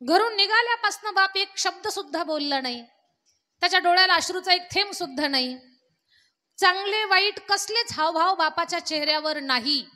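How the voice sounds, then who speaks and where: A woman's voice: extremely high pitch, expressive, normal speed, bright, forceful tone. A woman kirtan preacher telling a devotional story in an emotive sermon with rhythmic, repetitive phrasing. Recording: long hall reverb.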